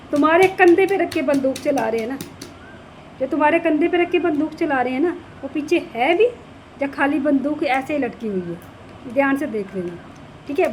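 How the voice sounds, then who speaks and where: A woman with a high voice delivers heated reaction commentary. She scolds and mocks, and she circles back on her own phrases to drive them home. Faint noise sits under the recording. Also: a little mellow, low-quality recording. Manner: scolding, sarcastic, repeats phrases. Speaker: reaction video creator.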